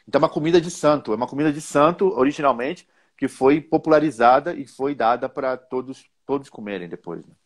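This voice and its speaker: A man's voice: medium pitch, fast talker, hardly any pauses. A Brazilian man hosting a casual chat, asking questions, correcting words and telling a long explanatory story. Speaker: host teaching Portuguese. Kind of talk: casual conversational interview.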